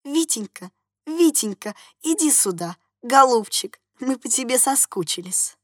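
A woman's voice: a little high, lively intonation, normal speed, no echo, clean studio sound. A woman voicing an affected, fawning middle-aged society lady who gushes sweetly and turns disdainful. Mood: cooing. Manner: sugary and gushing, turning sharp and disdainful.

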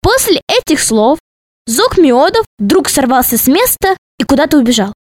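Woman reading a kids story aloud, high voice that jumps around a lot, dry close mic. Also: moderate pace, no room sound. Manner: expressive, playful storytelling. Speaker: narrator.

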